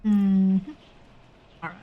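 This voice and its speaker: A woman's voice: medium pitch, fairly even intonation, extremely slow, narrow, tinny audio. A woman giving casual live gameplay commentary, muttering in short clipped fragments as she thinks aloud. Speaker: game streamer.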